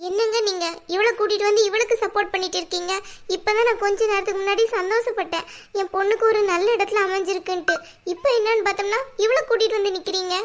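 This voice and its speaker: A woman's voice: very high-pitched, steady tone, fast talker. A woman voicing a middle-aged mother in a cartoon, scornful and scolding. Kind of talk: cartoon voice acting.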